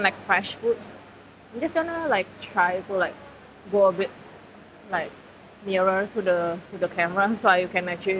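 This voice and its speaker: A woman's voice: mid-range voice, fairly bright tone. A woman live-streaming while eating at a food centre, chatting casually with her viewers and using lots of fillers. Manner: chatty, filler-heavy, talks to chat. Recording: slightly dull audio, faint background noise.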